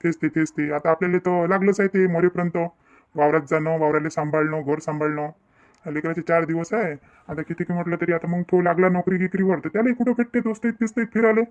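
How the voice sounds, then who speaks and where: A man's voice: a little high, darkish tone, muffled recording, close to an everyday voice. A man voicing an older male farmer and father-in-law, folksy and rambling in a cartoon family drama.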